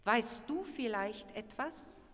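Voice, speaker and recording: A woman's voice: a little high, animated, slow pace, fairly bright tone. Woman doing an earnest little girl. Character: little girl, searching and sad. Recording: reverberant with violin music behind.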